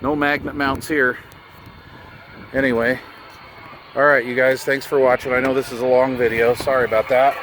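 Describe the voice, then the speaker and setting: Speaking off the cuff by his vehicle on a hillside road, a middle-aged hobbyist vlogger chats in a relaxed, folksy, slang-filled way, like an outdoor vlog mixed with radio chat. His voice is mid-range with a level tone and normal speed, and he pauses often. Wind and vehicle sounds fill the recording.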